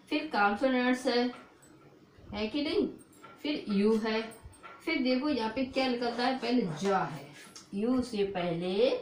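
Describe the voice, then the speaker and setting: A woman's voice: medium pitch, a little mellow. A woman teaching at a board, repeating each word and asking the class what they will read. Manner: repetitive, drilling questions like "what will you read?". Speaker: English teacher. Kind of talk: board lesson for a video. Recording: echoey room with faint hiss.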